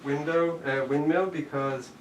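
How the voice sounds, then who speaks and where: Unhurried and steady, this man's slightly high voice guides a live online jujitsu class as he demonstrates each move and counts out the steps. A distant mic captures him in an echoey room, with faint noise in the background.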